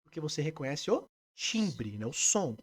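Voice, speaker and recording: Animated Brazilian man who sings examples. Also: a little high, moderate pace, husky. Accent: Brazilian Portuguese. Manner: animated, demonstrates by singing snippets. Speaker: music therapist guest. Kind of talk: explanatory interview talk.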